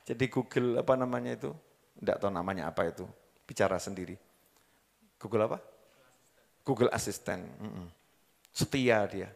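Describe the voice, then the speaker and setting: A man's voice: on the low side, moderate pace, creaky, long pauses, big-room sound. A man with a Javanese accent preaching a sermon, joking and quizzing his audience as he goes. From Java, Indonesia. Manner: jokey, asks the crowd questions, mixes in local dialect.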